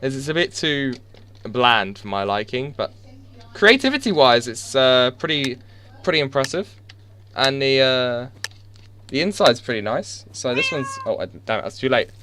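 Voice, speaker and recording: A man's voice: mid-range voice, animated, moderate pace, bright, forceful tone. A man rambling and joking to himself while giving casual gameplay commentary on a headset mic. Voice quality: chatty, rambling, self-mocking, with many restarts. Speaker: gaming YouTuber. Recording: game music playing behind.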